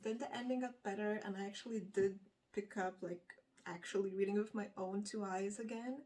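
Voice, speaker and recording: In a warm, mid-range voice that runs a little fast but stays steady, a woman from Lithuania who speaks Lithuanian natively vlogs about books without a script. She rambles and corrects herself hesitantly. Slight background noise can be heard.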